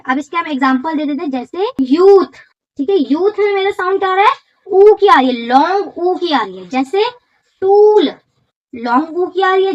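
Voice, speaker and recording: A woman's voice: very high voice, muffled recording. A woman teacher explaining a shorthand lesson step by step, often checking whether her students follow.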